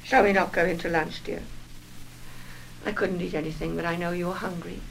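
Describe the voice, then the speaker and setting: A woman's voice: fairly low pitch, steady tone, normal speed, creaky, a little hiss or hum, low-quality recording. An anxious, rambling mother. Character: nervous, fragile middle-aged mother. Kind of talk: 1960s film acting.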